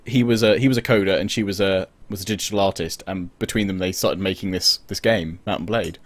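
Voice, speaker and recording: A man's voice: low voice, steady tone, fairly quick. A man co-hosting a casual gaming podcast over a video call, rambling with lots of restarts and fillers. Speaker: podcast co-host. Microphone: webcam video call.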